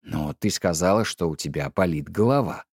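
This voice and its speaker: A man's voice: deep voice, no room sound, studio quality, pitched below the performer's own voice. A man doing a stiff, pedantic husband. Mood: reproachful. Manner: slow, measured, reproachful. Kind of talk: audiobook character reading.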